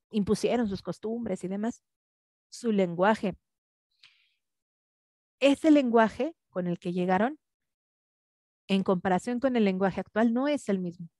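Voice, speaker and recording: A woman's voice: medium pitch, darkish tone, no room sound, clean studio sound. A woman teaching a class in a conversational way, often checking in with tag questions. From Mexico. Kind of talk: online class lecture.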